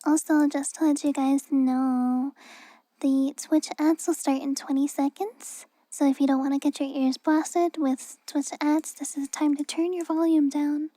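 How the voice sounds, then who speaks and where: A woman livestreamer chatting casually in a naturally soft, cute anime-girl voice, gentle and often close to a whisper. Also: high-pitched, level tone, normal speed, few pauses, no echo, low-quality recording.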